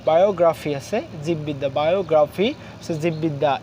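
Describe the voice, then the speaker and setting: A man teaching a spoken English lesson, drilling spellings quickly in Bengali and speaking halting English with many fillers. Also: fairly high pitch, mellow, slight background noise.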